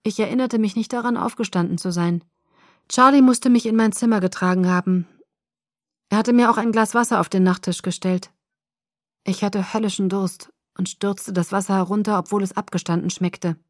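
A woman narrating a first-person novel in a calm, even storytelling voice. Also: mid-range voice, moderate pace, no room sound, clean studio sound. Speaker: audiobook narrator.

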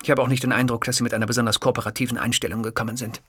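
A man's voice: medium pitch, little pitch movement, racing, pushed and bright, breathy edge, no echo, clean studio sound. A man voicing a young, impatient female journalist who asks curt, probing questions in an audiobook. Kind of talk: audiobook character voice.

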